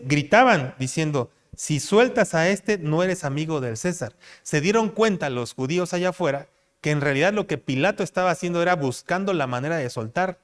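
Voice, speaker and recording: Pastor preaching in an echoing hall. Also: male voice, a little high. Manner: asks rhetorical questions, tags lines with "¿no?"; reads scripture aloud slower and louder. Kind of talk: expository sermon.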